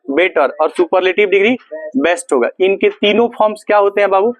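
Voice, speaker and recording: High-voiced man drilling a grammar class. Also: animated, fairly quick, dry recording, rough recording. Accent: Bihari Hindi. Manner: drills students with repeated questions and answers. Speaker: English grammar teacher. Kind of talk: classroom lesson.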